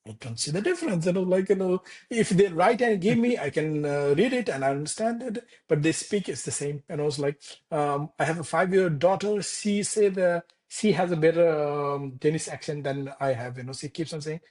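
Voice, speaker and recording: A Nepali man in his thirties, an architect, appears as an interview guest in Denmark and speaks with a Nepali accent. He talks casually and haltingly, restarting often and using lots of fillers. His voice is fairly high with a darkish tone.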